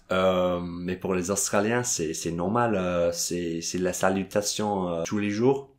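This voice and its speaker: Slow, low-voiced English teacher. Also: male voice. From England. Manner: hesitant, many fillers and restarts. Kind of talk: video language lesson.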